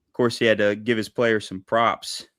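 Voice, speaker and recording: A man's voice: lowish voice, flat delivery, moderate pace, a bit bright, no room sound, studio quality. A man co-hosting a sports podcast, chatting casually and rambling with lots of fillers. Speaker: podcast co-host. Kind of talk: casual chat.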